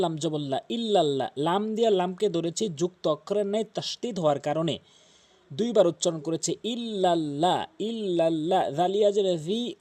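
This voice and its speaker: A man teaching tajweed step by step, spelling out letters and vowel marks slowly and repeating each syllable. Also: high-pitched, dark tone. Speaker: Quran recitation teacher.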